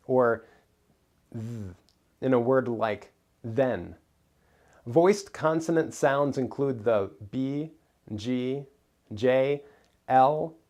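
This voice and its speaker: A man's voice: medium pitch, darkish tone. A man narrating a scripted English pronunciation lesson, carefully enunciating single words and example sentences.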